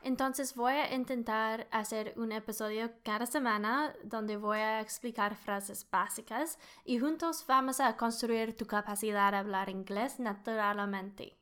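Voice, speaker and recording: Modelling phrases for her audience to say back, an English-accented Spanish learner runs a language podcast lesson. She speaks a little slowly with few pauses, her fairly high voice bright, forceful, smooth and fairly even in intonation.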